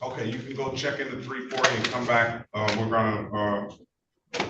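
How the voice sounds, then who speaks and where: A man's voice: mid-range voice, fairly even intonation, moderate pace, distant mic, muffled recording. Echoey, noisy courtroom recording of a male judge. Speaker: judge presiding over a remote court hearing. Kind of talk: procedural courtroom talk on a video call. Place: remote court session on a video meeting.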